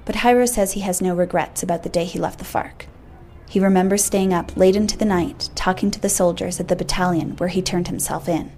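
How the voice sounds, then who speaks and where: Female radio reporter, steady scripted narration, mellow tone. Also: on the low side, fairly quick, slight background noise.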